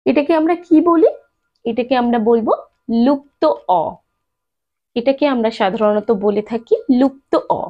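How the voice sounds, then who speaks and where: A woman's voice: on the high side, animated. Patient woman teacher, lo-fi sound. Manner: patient, repeats and spells out sounds slowly. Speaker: Sanskrit teacher. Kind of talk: spoken lesson addressed to students. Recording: dull lo-fi sound.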